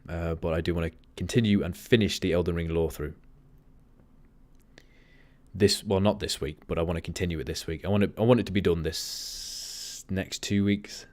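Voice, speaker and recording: A man hosting a livestream, chatting casually in a monotone way and often drifting off topic. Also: sits low, normal speed, no echo. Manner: rambling, easily sidetracked. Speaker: livestream host.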